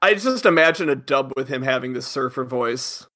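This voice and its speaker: A podcast co-host joking casually about a cartoon episode, with a laid-back manner. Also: male voice, medium pitch, expressive, sharp tone. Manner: laid-back, joking, with quick agreeing interjections.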